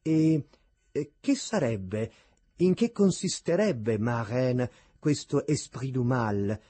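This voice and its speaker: A man voicing a young enamoured gentleman, gracious and playful. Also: mid-range voice, expressive, takes it slowly, slightly rough.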